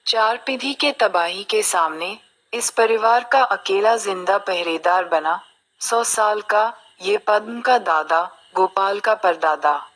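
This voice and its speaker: A woman's voice: mid-range voice, takes it slowly, fairly bright tone, rough recording. A woman narrating a film review in a reflective, storytelling manner.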